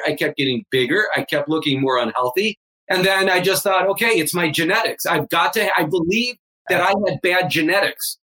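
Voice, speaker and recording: A fitness coach in his fifties, appearing as a guest in a remote interview, gives energetic, emphatic motivational talk. His voice is high, pushed and bright, and the recording is rough.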